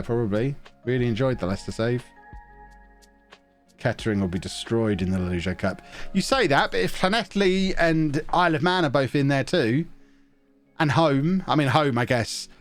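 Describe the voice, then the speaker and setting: Soft background music accompanies this live streamer, whose medium-pitched voice has lively intonation at a normal speed. Chatty and joking, he reads out viewer messages and hums as he plays a football management game, sounding a little stuffed up.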